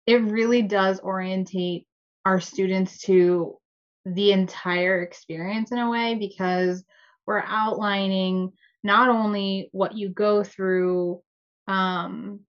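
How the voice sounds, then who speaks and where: A woman on a podcast team, talking in a measured, agreeable way. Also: mid-range voice, a bit bright, highs cut off. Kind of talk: casual podcast chat.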